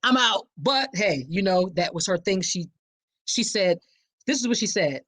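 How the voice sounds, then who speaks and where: Animated Philly woman hosting a podcast. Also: medium pitch, moderate pace, no echo. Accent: Philadelphia. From Philadelphia, USA. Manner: animated, talks directly to listeners, emphatic. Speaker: podcast host. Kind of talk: book discussion podcast.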